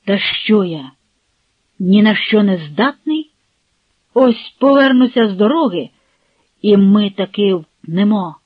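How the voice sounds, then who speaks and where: A woman's voice: medium pitch, expressive, slow pace, pauses often. A woman voicing a resolute young village man in an audiobook, speaking firmly and defiantly. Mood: determined. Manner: firm, defiant. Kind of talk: audiobook character voice. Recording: husky, phone-like, dry.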